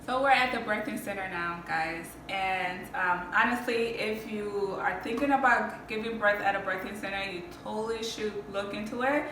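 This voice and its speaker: Young woman, bright voice, chatty, laughs often, echoey room, far from mic. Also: mid-range voice, moderate pace, hardly any pauses, a little hiss or hum. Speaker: vlogger sharing her birth story. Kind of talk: casual chat.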